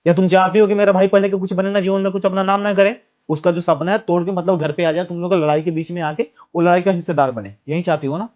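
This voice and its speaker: A man's voice: high-pitched, fairly even intonation, fast talker, lightly acted. A man playing an elder brother who scolds his wife and sister-in-law for fighting, in an amateur family drama. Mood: scolding. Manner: lecturing, scolding. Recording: dull lo-fi sound with faint music.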